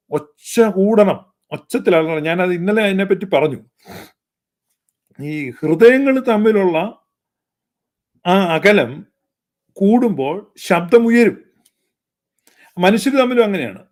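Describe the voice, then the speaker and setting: A man preaching in a fervent, scolding style, with pointed repetition. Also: sits high. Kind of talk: sermon-style critique.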